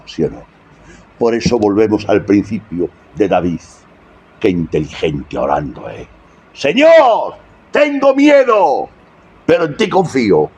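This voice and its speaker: A man's voice: deep voice, mellow, husky. A man preaching a sermon, often asking the congregation rhetorical questions.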